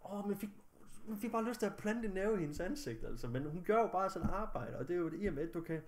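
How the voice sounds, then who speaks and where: Young male vlogger, slightly high-pitched, agitated, swears heavily. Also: lively intonation, slight background noise. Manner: agitated, angry, heavy swearing. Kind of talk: recounting a personal story to camera.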